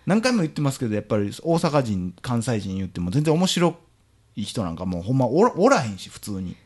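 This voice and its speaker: A man's voice: medium pitch, sing-song, fast talker, darkish tone, breathy edge. A man with a Kansai accent chatting casually as podcast co-host, rambling through asides. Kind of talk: casual chat.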